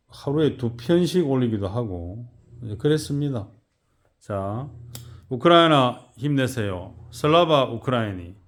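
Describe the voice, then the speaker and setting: Man, forties, Gyeongsang accent, tired, rambling casual vlog talk, medium pitch. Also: darkish tone. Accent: Gyeongsang Korean. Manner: rambling, loose and chatty. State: tired from an all-night job. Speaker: car detailing shop owner.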